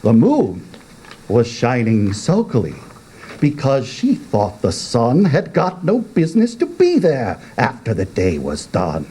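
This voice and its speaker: A man giving a theatrical reading with a deliberate, dramatic manner and long pauses. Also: mid-range voice, huge pitch swings, warm tone, husky. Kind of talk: theatrical poetry recitation.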